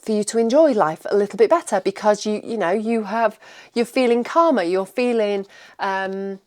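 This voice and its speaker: A woman's voice: medium pitch, moderate pace, darkish tone. A woman giving a casual tarot reading, rambling and reassuring, often repeating her words. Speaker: tarot reader.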